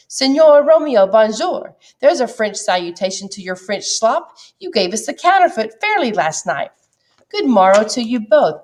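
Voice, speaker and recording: Woman, dramatic reading, plays every part, teacherly explanations. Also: mid-range voice. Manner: reads every part herself, shifting between characters.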